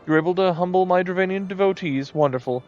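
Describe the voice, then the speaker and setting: A dainty creature in love with itself, acted by a man, speaking high and with affected grandeur. It is a haughty fantasy game character with soft music behind it. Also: fast talker, muffled recording, natural voice. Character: preening, self-adoring moogle, daintily haughty.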